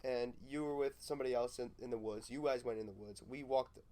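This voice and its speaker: A man's voice: medium pitch, fast talker, dark tone. A young man co-hosting a podcast, talking in a rambling casual way full of "you know". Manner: rambling with many fillers and restarts. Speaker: podcast co-host. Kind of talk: casual chat.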